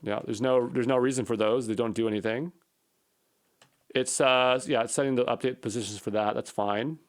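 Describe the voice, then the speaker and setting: Puzzling through a coding problem unscripted, a programming instructor thinks aloud and mutters short phrases repeatedly. His medium-pitched voice keeps a fairly even intonation at normal speed.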